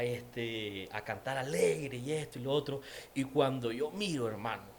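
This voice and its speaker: A man's voice: mid-range voice, slight background noise. A man with a Nicaraguan accent, an interview guest giving a personal faith testimony, repeating words for emphasis. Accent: Nicaraguan Spanish.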